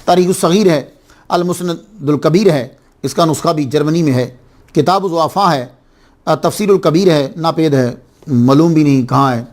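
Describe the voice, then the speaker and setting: Impassioned high-voiced male preacher. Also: darkish tone. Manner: impassioned, rising to high exclaims, addresses audience with questions. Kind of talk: Urdu religious sermon.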